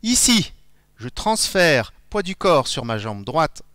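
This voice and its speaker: A man's voice: fairly high pitch, very animated, slow, a bit bright, no room sound. A middle-aged man from France teaching an online dance class, counting the beats aloud as he demonstrates steps in a dance studio. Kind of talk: live online dance lesson. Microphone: far camera.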